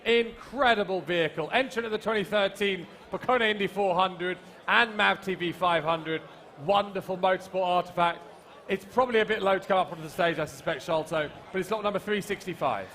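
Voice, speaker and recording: A man's voice: sits high, fairly quick, a bit bright. A man announcing and describing lots at a live auction. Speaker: auction lot presenter. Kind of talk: live auction lot presentation. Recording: live event with faint background noise.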